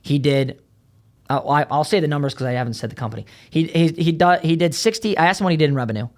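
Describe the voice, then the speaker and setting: A man who founded an ad agency, a podcast guest telling blunt, fast stories full of "right?". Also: a little high. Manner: blunt, fast storytelling with many "right?" tags. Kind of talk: casual podcast conversation. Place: podcast studio.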